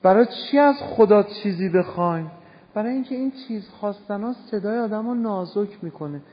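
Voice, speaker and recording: A man preaching a sermon in an impassioned way, moving between soft passages and loud, emphatic bursts. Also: sits high. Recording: long hall reverb, dull lo-fi sound.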